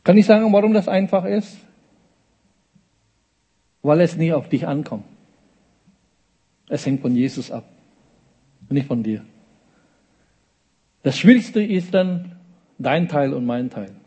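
A man's voice: fairly high pitch, animated, slow pace, pauses often, mellow, slightly rough. A man preaching a sermon in a conversational way, often checking in with his listeners.

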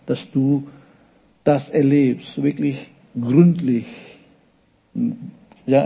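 A man's voice: medium pitch, creaky, mellow, slightly rough, lo-fi sound. A man preaching a sermon in a conversational way, often checking in with his listeners.

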